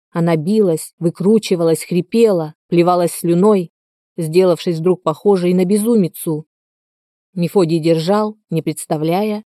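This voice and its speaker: Female audiobook narrator, steady and even, low mellow voice, dry close read. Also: no room sound. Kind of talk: scripted narration.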